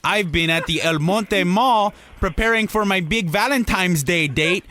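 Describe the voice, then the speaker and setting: A man's voice: sits high, unhurried, pushed and bright, a little hiss or hum. A man voicing a cartoon mother and daughter with a Spanish-influenced Los Angeles accent, played as a clip. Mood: chirpy. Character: Marge and Lisa redone in a thick street accent.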